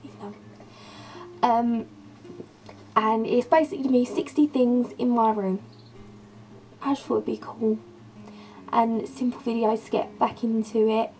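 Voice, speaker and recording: A young woman, her voice a little croaky from a sore throat, pitched fairly high as she gushes and rambles about her things. She talks straight into a camera mic in her bedroom while soft music plays faintly underneath. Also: fairly even intonation, a little slow, long pauses, low-quality recording. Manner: gushing, rambling, enthusiastic. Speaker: beauty and lifestyle vlogger. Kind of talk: casual chatty vlog.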